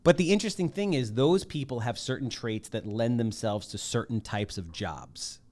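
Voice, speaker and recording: A man hosting a podcast, talking in an emphatic, jokey, animated way. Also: mid-range voice, moderate pace. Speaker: podcast host. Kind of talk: casual podcast conversation.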